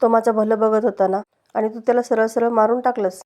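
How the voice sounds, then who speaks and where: A woman's voice: steady tone, brisk, warm tone, lightly acted. A woman reading a scheming villainess. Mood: fake grief. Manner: mocking, threatening in low tones.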